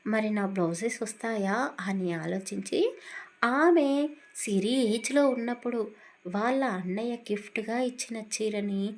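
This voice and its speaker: A woman's voice: medium pitch, darkish tone. A woman storyteller narrating a romantic audio story, acting out the dialogue expressively.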